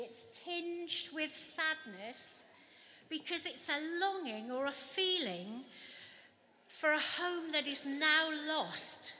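A Welsh woman pastor giving a gentle, reflective sermon at a candlelit carol service. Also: high voice, a little hiss or hum. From Wales. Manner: gentle, reflective, slow with pauses. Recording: long church reverb, faint ambience.

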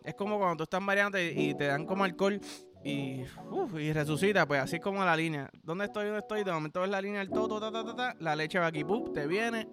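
A man with a Puerto Rican accent riffs crudely and playfully as a podcast host, his voice sitting notably high. Music plays clearly behind him. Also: brisk. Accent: Puerto Rican Spanish. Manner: rambling, playful, profane. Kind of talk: crude comedic podcast monologue.

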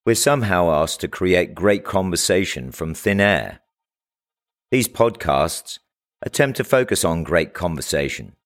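A man hosting a podcast. He reads a scripted intro, then interviews his guest casually, with plain and measured delivery. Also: deep voice, expressive. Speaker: podcast host.

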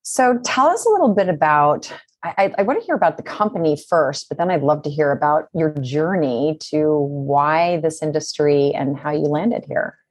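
A woman hosting a podcast interview, chatty and friendly, with quick restarts as she frames her questions. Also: low voice, expressive, no echo. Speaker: podcast host. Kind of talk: casual interview.

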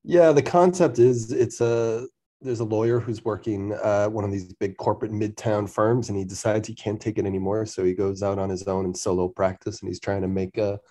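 A man's voice: fairly low pitch, fairly even intonation, brisk, warm tone. A man from Massachusetts, an author being interviewed over the phone, speaking thoughtfully and laughing easily. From Massachusetts, USA. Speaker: author guest. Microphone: phone line.

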